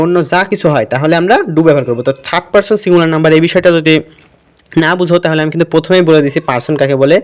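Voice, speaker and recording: A man teaching English grammar in a casual classroom style, asking questions and answering them himself. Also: fairly high pitch. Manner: talkative, asks and answers his own questions. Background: noisy surroundings.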